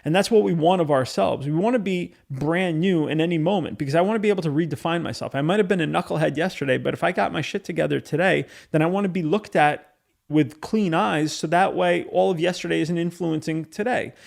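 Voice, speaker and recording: A man's voice: on the high side, brisk, vocal fry. A man hosting a podcast, speaking in an earnest, informal, philosophical way, as in a reflective wedding toast speech. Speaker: podcast host.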